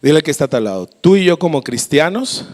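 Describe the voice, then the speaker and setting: A Mexican man preaching a lively, story-filled sermon as pastor, with a Mexican Spanish accent, in a church. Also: on the high side, a little fast, in a large hall. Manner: lively, storytelling, acts out voices.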